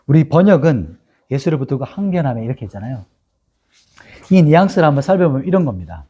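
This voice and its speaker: The audio is dull, and the pastor's mid-range, husky voice moves fast as he leads a spirited Bible lesson. He poses questions to the congregation and has them read scripture aloud alongside him.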